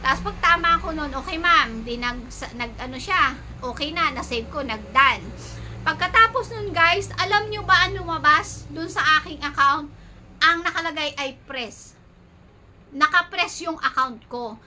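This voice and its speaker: Woman from the Philippines, middle-aged, vlogger, high bright voice, animated storytelling, faint background noise. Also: moderate pace. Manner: animated retelling, acts out both sides of chats. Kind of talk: casual storytelling to viewers.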